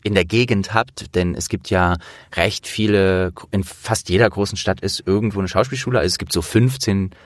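In clean studio sound with no room echo, a man with a low voice speaks at a normal speed with fairly even intonation. He's the interview host, casually explaining and working out his thoughts out loud.

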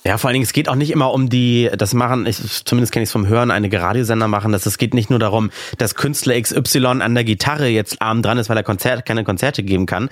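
A playful man in his thirties chatting casually on a podcast and steering the talk. His voice sits at an ordinary pitch. The recording is close and dry, with almost no room sound. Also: quick pace, few pauses, no room sound. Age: 30s. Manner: playful, joking, leads the topics. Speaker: podcast co-host.

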